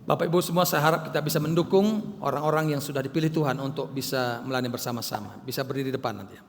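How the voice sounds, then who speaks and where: A middle-aged man preaching as pastor, swinging between loud calls and quiet asides. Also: medium pitch, racing, gravelly, a little hiss or hum. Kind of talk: sermon. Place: church hall. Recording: long hall reverb.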